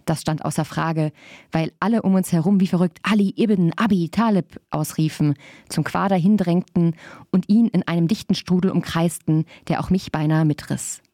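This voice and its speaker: A woman reading a literary excerpt aloud in a measured, vivid way. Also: fairly low pitch, dark tone, no room sound, studio quality. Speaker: reader of a book excerpt.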